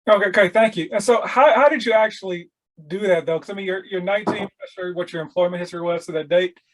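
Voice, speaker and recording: High-voiced fast-talking male host. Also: low-quality recording. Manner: eager, quick backchannel affirmations. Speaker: podcast host. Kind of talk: casual interview talk.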